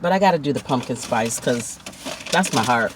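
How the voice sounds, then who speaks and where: A man's voice: mid-range voice, lively intonation, moderate pace, slight background noise. A man chatting casually in a food mukbang vlog, heartfelt and talkative, lingering over each item. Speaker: food vlogger.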